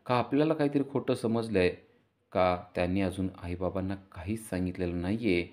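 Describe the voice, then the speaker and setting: A man's voice: low voice, normal speed, darkish tone, natural voice. A jolly, chatty father, as a man puts him on. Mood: puzzled. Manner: chatty, joking, teasing. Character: jovial, talkative middle-aged father.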